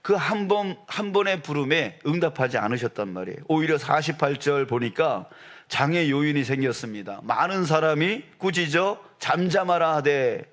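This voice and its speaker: Emphatic preaching man, higher-pitched voice. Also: animated, normal speed. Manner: rises to loud emphatic peaks, acts out quoted voices. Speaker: pastor. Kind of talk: sermon.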